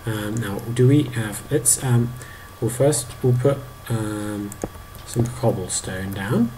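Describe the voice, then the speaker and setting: A man in his thirties narrating a video game to his toddler, animated, exclaiming and making playful sound effects. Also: on the low side, slow pace, a little hiss or hum. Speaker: parent playing a video game.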